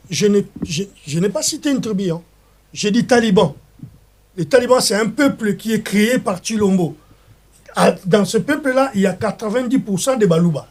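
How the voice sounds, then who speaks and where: A Congolese man with a Congolese French accent speaks in a high voice as a guest in a heated political interview. He talks passionately and repeats words, restarting his sentences as he pushes his point. His French is mixed with Lingala phrases. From Democratic Republic of the Congo. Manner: impassioned, repetitive, stumbling restarts.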